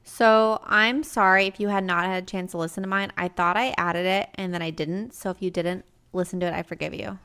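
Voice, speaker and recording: A woman's voice: mid-range voice, fairly even intonation, a little fast, few pauses, fairly bright tone, smooth. A young adult woman co-hosting a podcast in casual chat, laughing often and filling with "like". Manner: laughs often, many "like" fillers. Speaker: podcast co-host.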